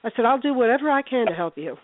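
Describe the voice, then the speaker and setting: A woman from New Jersey talks as a guest in an emphatic, chatty storytelling way, often repeating herself. Her voice sits a bit high. It comes over a dry, narrow phone connection. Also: expressive, rapid-fire, no room sound. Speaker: guest paranormal investigator. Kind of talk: casual storytelling chat. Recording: dry, tinny phone line.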